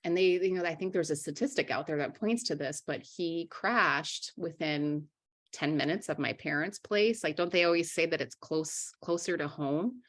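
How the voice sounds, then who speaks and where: Low-voiced Midwestern woman, candid. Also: normal speed. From Minnesota. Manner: frank and candid, restarts sentences, many fillers. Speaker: interview guest, writer and journalist. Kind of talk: candid conversational interview.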